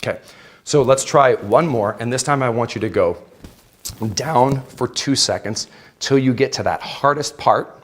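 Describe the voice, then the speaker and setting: A man's voice: mid-range voice, unhurried. Informal male fitness instructor explaining. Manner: informal, checks in with participants. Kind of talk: live exercise demonstration, explanatory and conversational. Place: indoor aerobics room with exercise bikes. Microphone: worn clip-on or headset mic.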